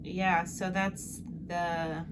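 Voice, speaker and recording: A woman's voice: on the low side, flat delivery, very slow. Woman casually interviewing, noisy room tone. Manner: echoes back answers, asks short questions. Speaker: interviewer, granddaughter. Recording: clear background noise.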